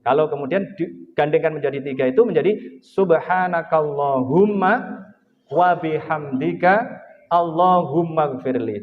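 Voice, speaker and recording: A man giving a religious lecture to a live audience, chanting Arabic prayer phrases and putting questions to the listeners. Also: on the high side. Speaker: lecturer at a forum. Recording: echoey hall, dull lo-fi sound.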